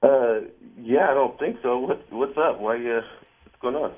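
A man's voice: medium pitch, unhurried. A man on a phone call to a radio show who sounds hesitant and sheepish, stammering as he explains himself. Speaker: caller. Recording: phone line.

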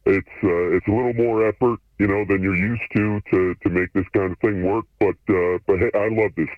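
A man speaking through a voice changer that shifts his voice deep, chatting in a laid-back, hesitant way as an anonymous radio guest. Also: steady tone, a little fast, no room sound. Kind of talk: casual chat. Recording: phone-like line through a voice changer.

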